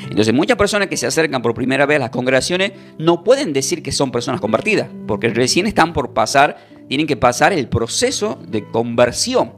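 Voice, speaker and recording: A man delivering a sermon as a congregation's pastor, moving through scripture with a string of rhetorical questions and lines for the room to repeat. His voice sits at a middle pitch. Soft instrumental music plays faintly beneath him. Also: sing-song, a little fast, hardly any pauses.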